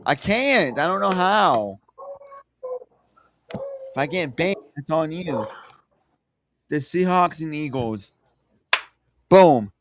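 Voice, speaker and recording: A man's voice: fairly high pitch, big pitch swings, takes it slowly, long pauses, noisy background. A man with a Southern US accent and drawl, chatting casually as he hosts a sports prediction livestream.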